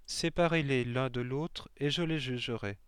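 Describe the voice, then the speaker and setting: A man's voice: medium pitch, normal speed, clean tone, no room sound, studio quality, close to an everyday voice. A man reading the words of a bold young boy prophet, in a stern, rebuking way.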